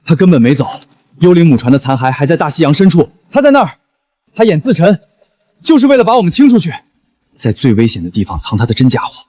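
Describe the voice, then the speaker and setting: A man's voice: on the high side, sing-song, fast talker, warm tone. An actor playing a resolute, intense young man who leads an ocean team by intuition, in a screen drama. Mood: commanding.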